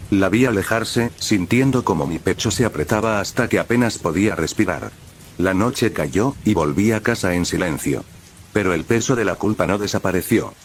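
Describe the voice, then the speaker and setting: A man narrating a first-person horror story in a grave, measured way. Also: on the low side, a little hiss or hum.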